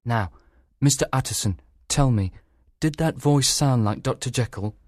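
A man's voice: medium pitch, moderate pace, darkish tone, no room sound, clean studio sound, close to an everyday voice. A man playing an anxious, deferential old-school servant. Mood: hushed urgent. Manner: anxious, respectful, addresses others as sir. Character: worried frightened male servant, polite and deferential. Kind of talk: audiobook drama reading.

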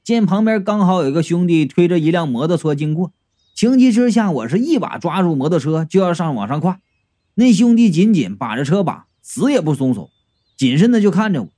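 A man's voice: fairly high pitch, very animated, brisk, warm tone. A man narrating a comic first-person story in a wisecracking, colloquial way.

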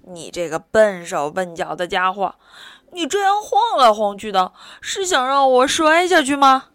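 Woman doing a squeaky bossy big-brother anteater, yelling a lot, storybook vibe. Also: sing-song, measured pace, dry recording. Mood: bossy scolding. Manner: shouting, scolding, panicky. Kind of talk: children's storybook reading.

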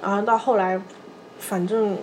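A woman in her thirties, a podcast co-host, telling a personal story in a soft, halting way, often repeating small fillers. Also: mid-range voice, steady tone, crowd noise. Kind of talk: personal storytelling in casual chat.

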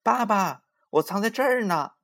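A man's voice: high-pitched, expressive, moderate pace, fairly bright tone, voice pushed up. A man voicing an eager, impatient little girl in a children's story. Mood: calling out.

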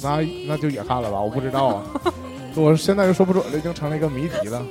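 A man co-hosting a casual podcast, chatting and reviewing films in a talkative, rapid manner. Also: a little high, over music. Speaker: podcast co-host.

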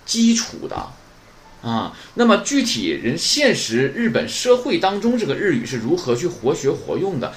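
A man's voice: fairly high pitch, wildly swooping pitch, normal speed, slight background noise. A man from northeast China who teaches Japanese grammar in a podcast lesson, often asking the listeners questions and then answering them himself.

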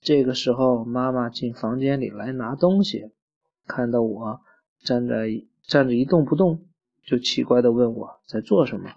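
A man's voice: mid-range voice, normal speed, vocal fry, mellow. A man reading a children's story aloud in a plain way, with small slips and self-corrections. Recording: muffled lo-fi recording.

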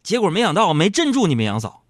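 A man's voice: sits high, racing, no echo, clean studio sound. A man hosting a radio show, telling comic stories in a playful, bantering way. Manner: storytelling, lively and bantering. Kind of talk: comic monologue.

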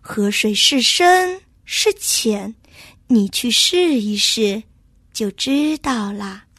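A woman voicing a gentle, patient mother horse in a storybook, soft and soothing. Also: on the high side, lively intonation, takes it slowly, no echo.

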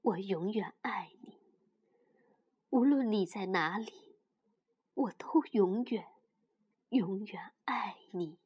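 A woman voicing a loving mother dinosaur who speaks softly in a near whisper. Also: mid-range voice, takes it slowly, long pauses, husky, lo-fi sound, voice pushed down. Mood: tender.

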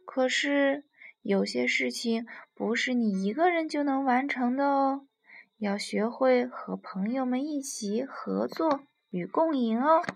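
Slow, high-voiced young woman storyteller. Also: creaky. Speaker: children's storyteller. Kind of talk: bedtime story narration.

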